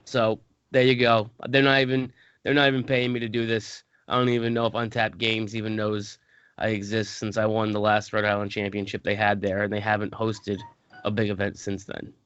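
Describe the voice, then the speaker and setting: A man co-hosts a casual podcast about a tabletop game. He rambles, often restarting his sentences, and jumps into animated bursts. His voice sounds dry, close and slightly dull, like lo-fi podcast audio. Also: fairly low pitch, brisk, clean tone, no echo. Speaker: podcast co-host.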